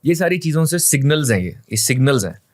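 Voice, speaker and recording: A man's voice: a little high, sing-song, quick pace. A man from India, a martial arts academy founder, talking in a podcast interview, switching between Hindi and English and acting out example voices to make his points. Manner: acts out greetings and coaching voices as examples.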